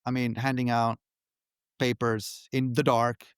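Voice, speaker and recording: A middle-aged man from Finland, answering interview questions in a relaxed, halting way with frequent restarts. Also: medium pitch, clear, resonant tone, no room sound, clean studio sound. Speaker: podcast guest, company founder.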